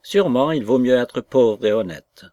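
A man's voice: medium pitch, lively intonation, normal speed, dark tone, no room sound, close to an everyday voice. A man reading aloud and voicing a chattering, indignant lady's maid in a raised, prattling voice. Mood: indignant gossip.

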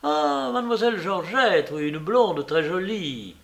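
A man's voice: high-pitched, lively intonation, a little slow, creaky, voice pushed up, exaggerated voice. A man reading aloud voices a polite middle-aged shopkeeper woman in a storybook.

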